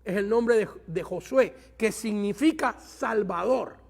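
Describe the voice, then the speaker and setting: Male pastor, high and gravelly, lecturing a Bible class; stops mid-thought to find words, throws questions at the room. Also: darkish tone. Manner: pauses to search for words; asks the class rhetorical questions.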